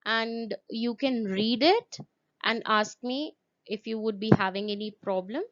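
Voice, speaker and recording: A woman's voice: on the high side, a little slow, lo-fi sound. A woman teacher, explaining a story to her class, repeating words for stress and asking the class questions.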